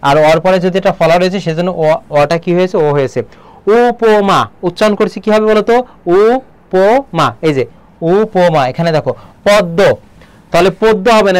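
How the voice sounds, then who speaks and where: Bangladeshi guy teaching online class, highish smooth voice, keeps asking students questions. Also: no room sound. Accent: Bangladeshi Bengali. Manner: quizzing students with quick questions. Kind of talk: online exam-prep class.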